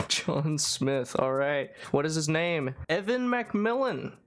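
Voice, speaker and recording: A man's voice: fairly high pitch, steady tone, takes it slowly, a bit bright, smooth. A young man hosting a casual guessing game, rambling, repeating words and laughing often as he explains. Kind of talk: casual chat. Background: background music.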